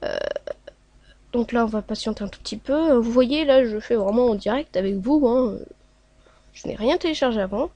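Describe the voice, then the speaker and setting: A woman's voice: fairly high pitch, normal speed, warm tone, no room sound. A woman hosting a casual screen-recorded tutorial, talking along hesitantly with many filler sounds as she clicks through steps. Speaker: tutorial host.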